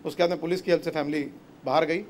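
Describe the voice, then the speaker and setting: A man's voice: on the high side, fairly even intonation, racing, slight background noise. A man at the scene giving an insistent eyewitness account to a reporter. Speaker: resident witness. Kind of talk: on-scene interview.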